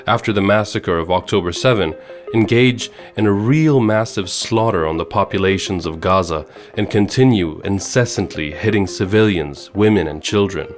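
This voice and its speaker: A man from Sweden hosting a podcast, giving measured, earnest scripted narration. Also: low voice, faint music behind. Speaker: podcast host.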